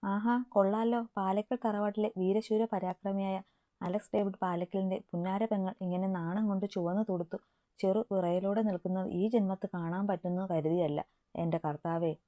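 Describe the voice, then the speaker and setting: A woman's voice: mid-range voice, steady tone, a little fast, warm tone, no room sound, clean studio sound, close to an everyday voice. A woman voicing a playful, teasing young man in love from a romance story she reads aloud.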